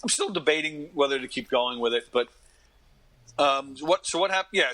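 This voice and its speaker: This American actor and comedy performer in his fifties, from Long Island, New York, tells stories as an interview guest in a casual, rambling, self-deprecating way, clearing his throat often. His voice is medium-pitched, bright and forceful. The audio quality is poor.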